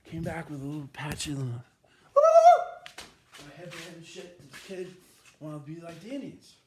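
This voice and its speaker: A man rambling in a profane, animated monologue, swinging from mumbling to shouting. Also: a little high, brisk. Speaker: vlogger. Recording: roomy echo with faint noise.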